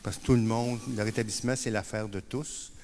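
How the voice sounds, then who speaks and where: Quebecois male speaker, low register, humble and halting, light room noise. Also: fairly even intonation, darkish tone. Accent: Quebec French. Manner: self-deprecating, halting with fillers. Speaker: conference speaker. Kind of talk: conference talk. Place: conference room.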